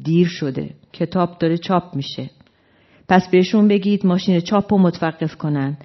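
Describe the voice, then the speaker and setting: A woman reading out the lines of an irritated, breathless male playwright in a quarrel, in a dull lo-fi recording. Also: lowish voice. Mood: indignant.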